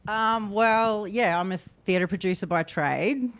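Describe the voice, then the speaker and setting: A woman's voice: medium pitch, slow pace. A woman with a far north Queensland Australian accent, chatting informally as a guest in a casual interview. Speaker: guest, theatre producer. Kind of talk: casual live interview chat.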